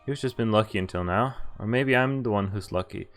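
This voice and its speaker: Live-streaming a visual novel, this young man alternates between reading the narration and making hesitant, jokey, casual side comments. His voice is fairly low and fairly bright in tone, he speaks fairly quickly, and game music runs in the background.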